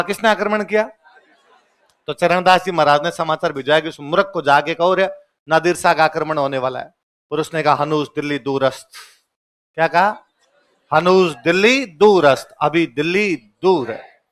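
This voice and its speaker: A male teacher giving a classroom lecture. He repeats each point in two languages, quizzes the class and tells stories with a laugh. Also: high voice. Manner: lively storyteller, often laughing.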